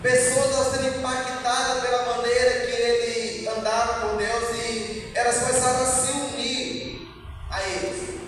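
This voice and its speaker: A Brazilian man preaching a fervent sermon as a pastor, with drawn-out, emphatic repetitions. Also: extremely high pitch, level tone, fairly bright tone. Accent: Brazilian Portuguese. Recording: echoey hall from far off, noisy.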